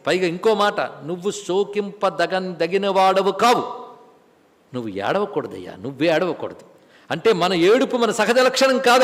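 High-voiced man giving a scripture discourse. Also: big-room sound. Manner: explains patiently, chants verses slowly, acts out dialogue. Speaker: spiritual discourse speaker. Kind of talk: Bhagavad Gita discourse.

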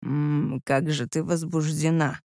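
A woman voicing a domineering man in an audiobook, speaking in a low, husky, commanding murmur. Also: steady tone, takes it slowly, no echo, studio quality, full character voice. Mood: husky whisper. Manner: hushed, commanding. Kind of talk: audiobook character voice.

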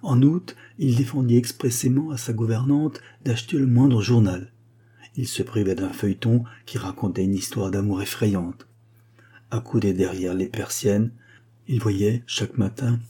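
Man, audiobook narrator, measured reading, low, husky. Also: steady tone, dark tone. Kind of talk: scripted narration.

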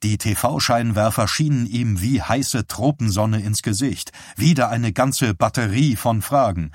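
A man's voice: medium pitch, measured pace, husky, dry recording. Man narrating an audiobook, dry sound. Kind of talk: scripted narration.

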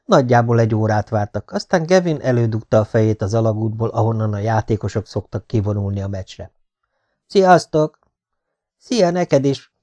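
A man reading an audiobook novel in a steady, measured narration. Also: lowish voice.

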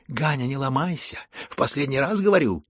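A man voicing a frantic, bullying man who bellows and urges loudly, in an audiobook. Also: medium pitch, normal speed, creaky, breathy edge, dry recording, clean studio sound, voice pushed up, full character voice. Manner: loud bellowing urging. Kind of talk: audiobook character reading.

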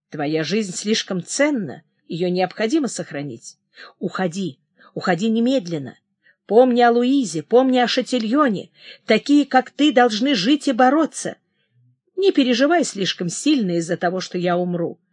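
A woman reading the part of a dying old admiral who speaks calmly and gravely to his son-in-law. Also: medium pitch, normal speed, no echo, lightly acted. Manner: calm, grave pleading.

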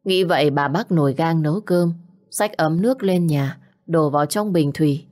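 A woman narrating a village tale in a slow, measured, dramatic storytelling manner. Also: sits low, darkish tone. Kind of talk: scripted audio story narration. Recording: faint background music.

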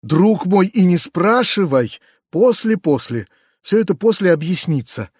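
A man voicing a kind, excitable middle-aged uncle who gushes, hurries and stammers. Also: sits high, a little slow, husky, dry recording, clean studio sound, heavily acted. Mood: gushing.

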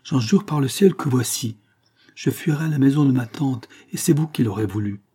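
A man's voice: mid-range voice, normal speed, warm tone, husky, pitched above the performer's own voice, close to an everyday voice. A man reading the lines of a proud young woman who firmly turns away a suitor, in a restrained, firm voice. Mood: severe.

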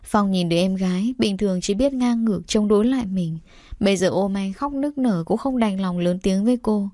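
A woman narrating a dramatic romance story in a steady, emotive reading style. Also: mid-range voice, fairly quick, no room sound, studio quality. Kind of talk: scripted romance audiobook narration.

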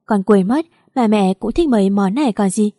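Woman doing a tender young husband, soft affectionate talk, mellow, dry. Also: mid-range voice, moderate pace, dry recording, close to an everyday voice. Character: gentle doting young husband.

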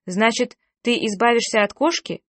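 A woman reading the lines of a young man in love who is allergic to cats, in an audiobook, in her own voice with a plain, quiet delivery. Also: fairly high pitch, normal speed, no room sound.

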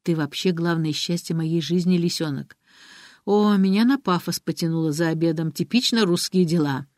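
A woman reading a middle-aged father in a storybook, tender and self-ironic, speaking soft and lowered. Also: normal speed, dry recording, clean studio sound, natural voice. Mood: warm teasing. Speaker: father, former musician.

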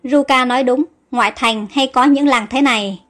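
A caring young noble lady speaks in a high voice, gentle but brisk with her orders, voiced by a woman reading a storybook. Soft music plays faintly behind. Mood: kindly brisk.

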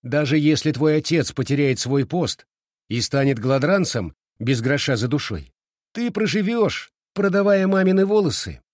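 A man doing a shrill, excitable village girl. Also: moderate pace, no room sound, studio quality, close to an everyday voice. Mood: teasing. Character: bold teasing village girl, quick-tempered.

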